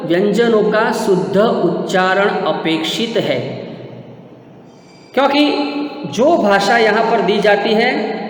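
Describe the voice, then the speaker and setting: A man teaching a grammar lesson, repeating each word twice and quizzing his listeners as he goes. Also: high voice. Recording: echoey room with long reverb.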